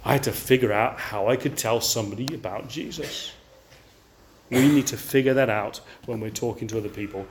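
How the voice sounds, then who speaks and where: An older man from England preaching a sermon, animated and often checking in with the audience with rhetorical questions. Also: mid-range voice, brisk, slight background noise.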